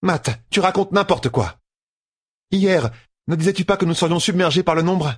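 A man's voice: sits high, moderate pace, husky, dry recording, studio quality, pitched above the performer's own voice. A man voicing a young woman leader who questions sharply and skeptically, in an audiobook. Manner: challenging, incredulous.

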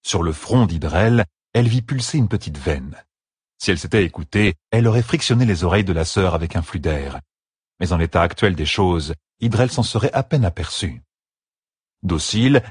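Audiobook: husky male narrator, lively intonation, dry close sound. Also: deep voice, no echo. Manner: measured, expressive reading. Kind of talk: scripted fantasy narration.

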